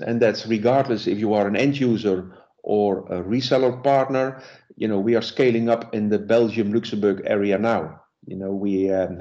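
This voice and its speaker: A man giving a relaxed sales presentation in a webinar over a video call, with many fillers and restarts. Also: lowish voice, lo-fi sound.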